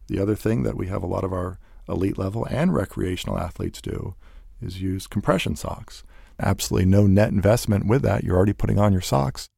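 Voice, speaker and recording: A man's voice: low voice, fairly quick, vocal fry, warm tone, slightly rough, no echo, studio quality. A man, a physical therapist, giving conversational advice as an interview guest.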